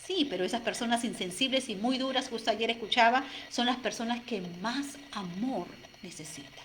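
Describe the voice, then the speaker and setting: A woman's voice: on the high side, moderate pace, fairly bright tone, a little hiss or hum. A woman life coach speaking earnestly and directly to listeners in a motivational talk, often checking in with "no?".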